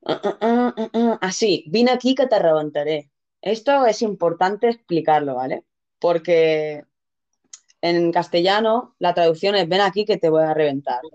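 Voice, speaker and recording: A woman's voice: fairly low pitch, a little mellow. A woman, casually explaining local expressions and laughing often. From Mallorca. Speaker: teacher of Mallorcan expressions. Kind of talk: casual chat.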